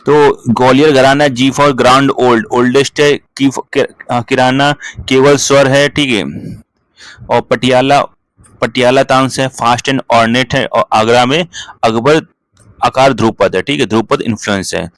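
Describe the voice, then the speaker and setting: Fast-talking male exam-prep teacher, dry sound. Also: mid-range voice, fairly even intonation, fairly bright tone, clear, resonant tone, no echo, poor audio. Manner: rattles off lists, switches freely between Hindi and English terms; keeps adding "ठीक है" as a filler. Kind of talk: fast revision lecture.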